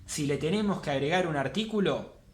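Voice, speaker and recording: A man's voice: a little high, lively intonation, brisk. Man teaching in an echoey room. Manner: patient, repeats key points for emphasis. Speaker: language teacher. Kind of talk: classroom lesson.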